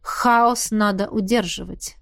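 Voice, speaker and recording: A woman voicing a calm, weary male academy rector who speaks in a measured, patient way. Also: medium pitch, vocal fry.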